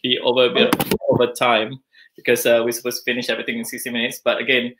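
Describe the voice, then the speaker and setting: A fast-talking man in his forties speaks in a monotone, mid-range voice, with background noise present. He's giving a casual live cooking demonstration from his home kitchen, chatting as he cooks and thinking aloud with lots of fillers. The microphone is a video call camera that moves around the kitchen.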